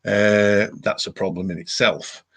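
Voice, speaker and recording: This Cumbrian livestream host has a fairly low, husky voice with a level, fairly bright tone and a slightly slow delivery. Speaking with his local accent, he rambles and chats as he answers viewer comments, leaning on repeated catchphrases.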